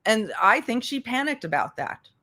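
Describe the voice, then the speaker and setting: A woman with a high-leaning, very animated, bright voice speaks at a moderate pace in a forceful tone. She hosts a livestream of legal commentary, unscripted and casual, blunt and profane, exasperated, and repeating herself for emphasis.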